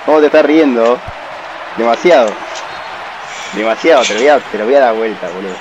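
A man's voice: mid-range voice, fairly quick, highs cut off, background noise. A young man with an Argentine Rioplatense accent, playing a football video game and teasing and mocking his opponent with plenty of swearing. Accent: Argentine Rioplatense Spanish. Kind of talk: trash-talking gameplay chat.

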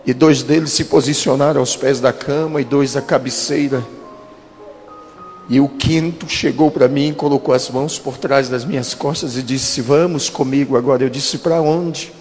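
A pastor in his thirties telling a dramatic testimony in a sermon, with slow emphatic pauses. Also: medium pitch, fairly even intonation, a little mellow. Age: 30s. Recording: long church-hall reverb with music.

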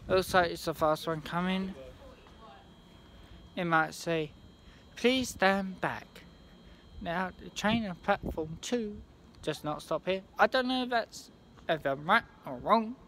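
Slow rambling young man on a platform. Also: sits high, a bit bright, a little hiss or hum. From England. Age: young adult. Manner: rambling, halting, with many restarts and fillers. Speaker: trainspotting vlogger. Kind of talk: casual handheld vlog. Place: outdoor railway station platform. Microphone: phone held at arm's length.

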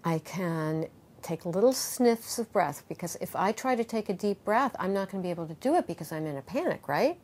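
A middle-aged woman yoga teacher speaking earnestly in an interview, walking listeners through a calming breath exercise. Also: medium pitch, a little fast. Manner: earnest and animated, acting out panicked voices. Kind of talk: interview answer with guided breathing demonstration.

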